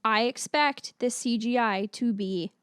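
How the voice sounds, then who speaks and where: A woman with a fairly high voice talks casually as a movie-review podcast co-host. She is chatty and opinionated and swears now and then, all on a dry, close mic. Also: measured pace, a bit bright, smooth, no room sound.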